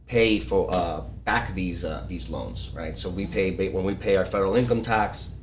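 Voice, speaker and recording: Talking at a moderate pace in a low voice, a guest from Ecuador chats casually on a podcast, often filling and restarting his explanations. The room sounds spacious, with faint noise in the background.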